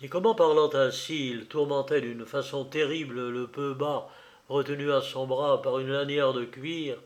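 A man narrating a novel as an audiobook, in a measured, dramatic reading. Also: mid-range voice, level tone.

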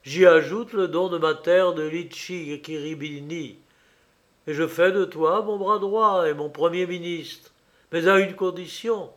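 A man's voice: a little high, natural voice. A man voicing a scheming, furious prince. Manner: commanding, shouting in anger. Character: scheming ambitious prince, threatening and hot-tempered.

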